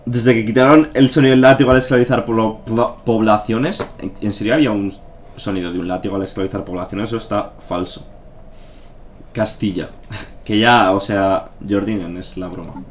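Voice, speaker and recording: A man's voice: on the low side, fairly even intonation, normal speed, slight background noise. Chatty Spaniard commenting his gameplay. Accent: Spain Spanish. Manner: chatty, swears and jokes, thinks aloud with fillers. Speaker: gameplay streamer. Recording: faint game music behind. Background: faint game music.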